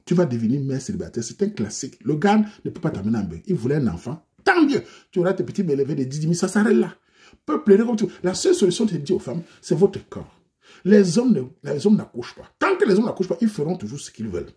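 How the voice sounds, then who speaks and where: A man's voice: on the high side, sing-song, quick pace, warm tone. A Cameroonian man telling a comic story in a theatrical, mocking way, full of slang, with a Cameroonian French accent. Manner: théâtral, moqueur, plein d'argot. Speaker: comedic storyteller.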